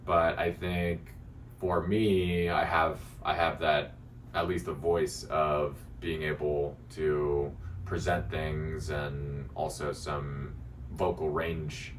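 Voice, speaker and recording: A man with a deep, resonant, articulate voice chatting casually to viewers in a reflective self-critique, halting as he thinks aloud. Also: little pitch movement. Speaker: beginner stand-up comedian. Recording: distant mic, faint background noise.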